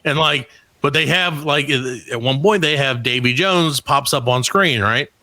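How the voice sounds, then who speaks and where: A man in his thirties co-hosting a comedy podcast, telling animated, profane stories in casual banter. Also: mid-range voice, unhurried, no echo. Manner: animated storyteller, swears a lot, slips into silly voices. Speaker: podcast co-host.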